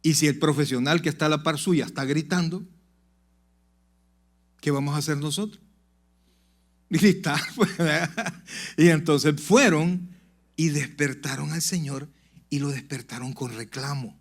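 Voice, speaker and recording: A man delivers a sermon in a church. His voice sits a little high, and he swings from loud emphatic peaks down to quiet, confiding asides. He keeps turning to the congregation with a familiar "brother.". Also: measured pace, pauses often. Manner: addresses the congregation directly, "brother". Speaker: pastor. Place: church sanctuary.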